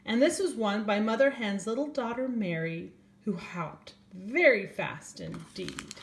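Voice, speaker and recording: Slight background noise accompanies an older woman's animated, mid-range voice as she reads a children's story. A grandmother, she speaks slowly and directly to young children and asks them questions.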